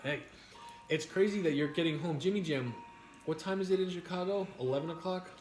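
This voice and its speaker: A man's voice: on the high side, a little fast, darkish tone, soft background music. A man hosting a livestream, chatting casually in a rambling, playful way with some swearing. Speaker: host of a livestream mukbang. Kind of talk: casual chat while eating pizza, reading viewer comments. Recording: echoey room with background noise.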